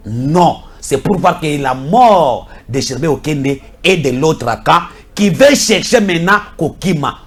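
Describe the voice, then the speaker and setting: In a slightly high, expressive, somewhat rough voice, a Congolese commentator speaks slowly with few pauses. The political talk is heated, mixing French and Lingala, full of emphatic repetition.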